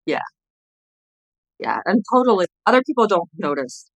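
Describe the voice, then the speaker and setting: A woman in her thirties from China, who grew up speaking Chinese, joins a casual video-call interview from a home room as a guest, an entrepreneur and ex-TV journalist. She has a Chinese accent and sounds earnest and reflective with frequent restarts, yet very animated, mid-range in pitch at normal speed. Picked up by a webcam at desk distance, the audio has no echo but is low quality.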